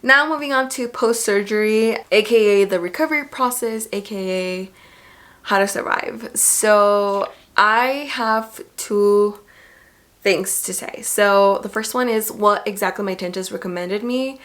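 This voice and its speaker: A woman's voice: mid-range voice, a little slow. Chatty young woman telling a personal story. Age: young adult. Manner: chatty, informal, animated retelling with quoted asides. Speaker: vlogger. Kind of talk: casual storytelling to camera.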